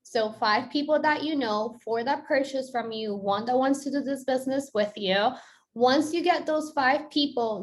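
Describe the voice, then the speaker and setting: A young woman from Colombia presenting a business onboarding, explaining step by step and checking in with her listeners. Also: a little high. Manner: upbeat, checks in with "okay?".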